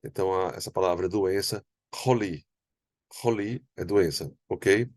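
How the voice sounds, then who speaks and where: A man teaching a language lesson from slides, explaining step by step and slowly repeating example words. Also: deep voice, a little mellow, no echo, clean studio sound.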